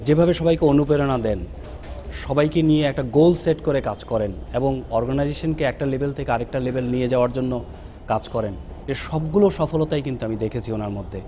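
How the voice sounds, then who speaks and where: A man giving a measured testimonial about a business leader. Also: medium pitch, warm tone, a little hiss or hum. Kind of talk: interview testimony.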